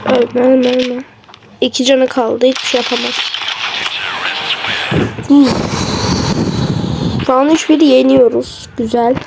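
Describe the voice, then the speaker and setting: A woman with a gravelly, slightly hoarse, sick-sounding voice gives casual commentary on her own gameplay, keeping her voice low and muttering her reactions. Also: fairly even intonation, slow pace, pauses often, background noise. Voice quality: gravelly, creaky voice. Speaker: gamer narrating own gameplay.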